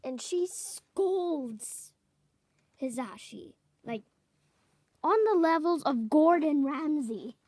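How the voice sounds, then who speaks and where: A woman improvising a fan story out loud, halting and correcting herself as she goes. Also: sits high, lively intonation, dry recording. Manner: halting, self-correcting, clears throat.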